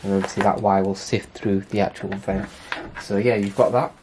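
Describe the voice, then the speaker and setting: A man's voice: fairly low pitch, moderate pace, heavy background noise. A man with a nasal, congested voice, chatting casually through a how-to car vlog with lots of "obviously" and "um". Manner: chatty, relaxed, many fillers like "obviously". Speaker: car vlogger.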